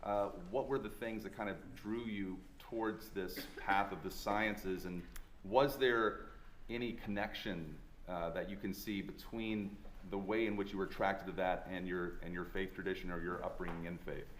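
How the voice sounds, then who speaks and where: A man working as an assistant chaplain hosts a faculty talk, reading a formal introduction in a measured, courteous way and then asking questions. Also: low voice, fairly even intonation, a little hiss or hum. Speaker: assistant chaplain and interview host. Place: chapel center event space. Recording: echoey room with faint ambience.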